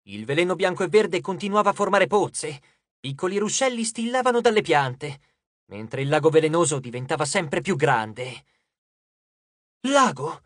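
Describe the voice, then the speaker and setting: A man narrating an audiobook in a steady, expressive storytelling voice. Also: a little high, normal speed, dry recording, clean studio sound. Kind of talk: scripted narration.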